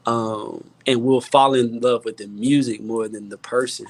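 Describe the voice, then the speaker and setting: Earnest and emphatic, this music producer guest preaches his points on a panel, often saying phrases twice to drive them home. He speaks unhurriedly in a medium-pitched, steady tone.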